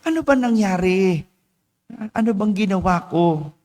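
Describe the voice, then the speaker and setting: A man's voice: high voice, animated, measured pace, darkish tone, long reverb tail. A male priest acting out a puzzled schoolchild who pleads with an angry father. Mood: pleading. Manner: pleading, protesting.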